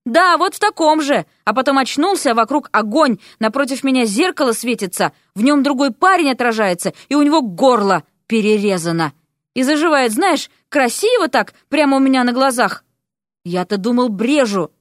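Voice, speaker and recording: A weary young prince pleads and rambles in a lively, raised voice, as a woman voices him in a storybook reading. The sound is close and dry. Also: high voice, normal speed, no room sound. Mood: rambling. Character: young man, a reluctant prince, weary and evasive.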